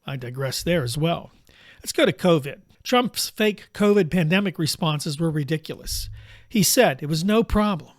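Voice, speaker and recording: Male commentator, slightly high voice, sarcastic and chatty, dry close sound. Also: expressive, normal speed, no room sound. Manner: sarcastic, digressive, conversational. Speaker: political commentator. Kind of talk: casual political monologue.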